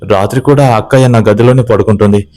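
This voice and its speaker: A man's voice: on the low side, quick pace, warm tone, lightly acted. A man voicing a playful young village woman in a spoken ghost story. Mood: coaxing. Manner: playful, scolding and coaxing.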